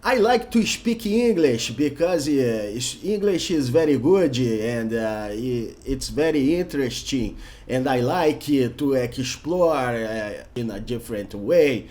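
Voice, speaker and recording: A man doing a Brazilian learner who stumbles through English with a Brazilian Portuguese accent. He drags each phrase out slowly and fills the gaps with hesitant "eh" sounds. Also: mid-range voice, lively intonation, a little mellow. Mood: halting. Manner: slow and hesitant, filling gaps with "eh".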